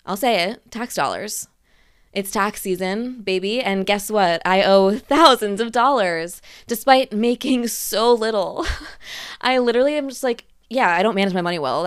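A woman's voice: mid-range voice, clean tone. A young woman ranting in a rambling, frustrated way, laughing between points and a little out of breath. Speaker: freelancer venting on camera. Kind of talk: casual monologue rant.

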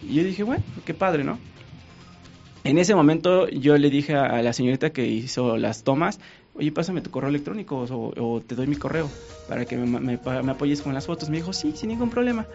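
Animated Mexican man telling a story. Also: fairly high pitch, fairly quick, vocal fry, dull audio, soft background music. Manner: animated, acts out quoted dialogue. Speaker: guest painter. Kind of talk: casual storytelling.

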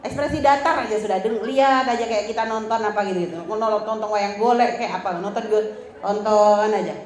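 A woman's voice: fairly high pitch, fast talker. A woman religious teacher giving a talk to women, chatty and teasing, acting out quoted lines. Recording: roomy hall with faint ambience.

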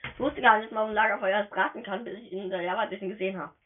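A woman giving casual, excitable let's-play commentary as she plays, chatty and slangy, often tripping over her words. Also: medium pitch, very fast, slight background noise. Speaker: gamer narrating her play. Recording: tinny phone-quality voice message.

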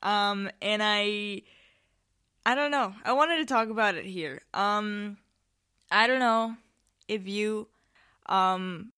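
A woman's voice: medium pitch, slow pace, long pauses, sharp tone, clear, resonant tone. A teenage girl from Spain hosting her podcast, rambling casually with many ums and restarts, a little tired and nervous. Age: late teens. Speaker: podcast host. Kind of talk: casual solo podcast chat.

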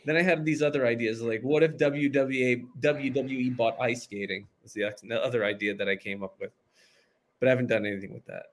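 A man's voice: medium pitch, fairly even intonation, a little fast. A man, a comedian guest on a podcast, telling stories in a rambling way with many restarts. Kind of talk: casual podcast storytelling.

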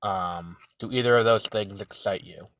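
Stuffy and nasal from a cold, a male podcast co-host chats informally at normal speed. His voice sits on the lower side with a fairly bright tone, and he rambles and hesitates, often using fillers and restarting sentences. The recording is dry.

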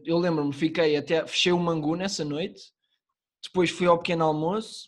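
A young man with a Lisbon Portuguese accent co-hosting a podcast, chatting casually in heavy slang and swearing freely. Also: fairly high pitch. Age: young adult. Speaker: podcast co-host. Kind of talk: casual chat. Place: online call.

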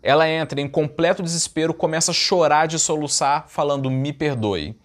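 A male host narrates a story with dramatic emphasis and then turns to reflective commentary. His voice sits a little higher than most men's. His delivery is steady and pointed. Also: brisk. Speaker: channel host.

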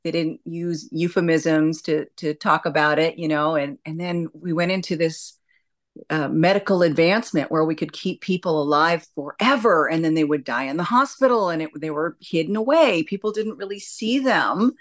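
A woman's voice: low voice, moderate pace. A woman answering interview questions conversationally as a hospice nurse and educator, reflective and explanatory.

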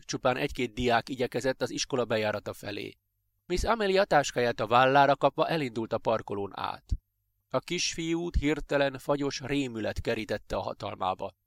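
A man reading a science-fiction short story aloud for a podcast, in a steady, measured way. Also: medium pitch, creaky, no room sound, studio quality. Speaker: narrator.

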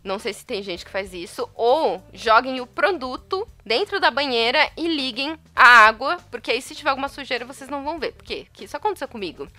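A young Brazilian woman, telling a story in casual chat, animated, laughing often and acting out the dialogue. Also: high voice, a little fast, few pauses.

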